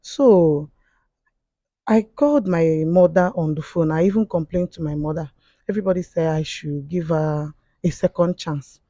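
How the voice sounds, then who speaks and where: A woman tells her story in a halting way, stopping often to restart her sentences. Her voice has a mellow, darker tone at a middle pitch. The sound is dry and close. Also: no echo. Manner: halting, with frequent fillers and restarts. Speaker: confessing guest. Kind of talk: emotional spoken testimony.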